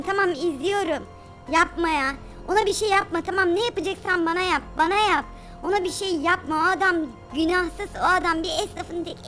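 A woman voicing a brash, tough-talking superhero mother in a comic game role-play, with rough slang and quick repeated bursts. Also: high-pitched, fairly bright tone.

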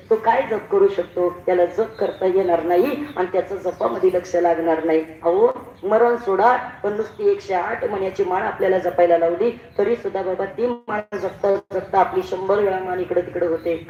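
A woman's voice: mid-range voice, warm tone, slight background noise. A woman giving a devotional sermon at a village bhajan gathering, calling on the audience to answer and acting out the story's characters. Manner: acts out story characters in a rising voice. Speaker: kirtan preacher. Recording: roomy, distant, dull live recording.

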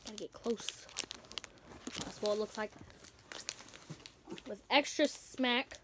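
A young woman co-hosting a casual snack taste test, soft-spoken and hesitant, with wry little remarks. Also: medium pitch, slow pace, a little hiss or hum. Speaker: co-host.

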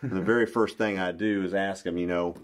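A middle-aged man, a bass fishing pro, explaining his baits in a casual, folksy interview with plenty of restarts, recorded in a small room. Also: steady tone, fairly quick. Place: small indoor room at a table.

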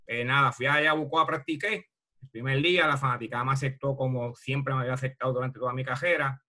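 A middle-aged man from Bayamón, Puerto Rico, speaks with a Puerto Rican accent at medium pitch, his tone steady, his delivery fast, pushed and bright. He's a retired baseball player appearing as an interview guest, casually reminiscing over a video call from a room in his home.

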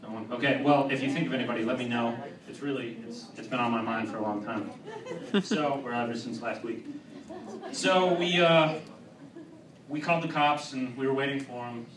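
A young man performing a stand-up set in a comedy club, with a deadpan, halting delivery full of fillers and restarts. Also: mid-range voice. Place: comedy club with live audience. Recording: roomy, distant club mic with crowd.

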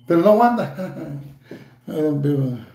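A Mexican man in his fifties rants and taunts, swearing at every turn. His voice runs high yet mellow. The room around him rings with echo. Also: animated, takes it slowly, gravelly. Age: 50s. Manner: angry, profane, taunting. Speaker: YouTuber. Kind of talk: ranting vlog.

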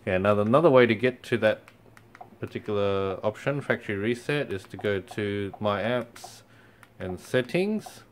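A young man presenting a company's product walks viewers through resetting a device in a relaxed, casual how-to, with plenty of ums and other fillers. He stands indoors in front of a TV screen, speaking at normal speed in a lowish voice, with a little hiss or hum.

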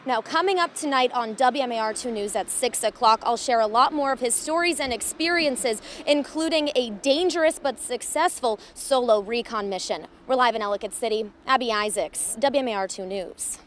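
A young American woman with a slightly high voice reports live for TV news. She speaks in a scripted broadcast style into a handheld mic outdoors, with faint noise around her. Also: normal speed, hardly any pauses, a bit bright. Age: young adult. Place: outdoors on a street in front of a restaurant. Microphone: handheld reporter microphone.

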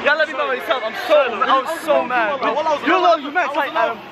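A man in his twenties chatting casually to his vlog in excited slang, outdoors on a handheld camera. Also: very high-pitched, a little fast. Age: 20s. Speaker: vlogger, host. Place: busy outdoor fairground. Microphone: handheld vlog camera at arm's length. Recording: loud crowd and fairground noise.

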